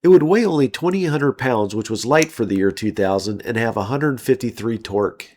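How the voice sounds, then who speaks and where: A man's voice: mid-range voice, fairly quick, darkish tone. A middle-aged American man giving a scripted, enthusiastic and opinionated narration as a car channel host. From United States.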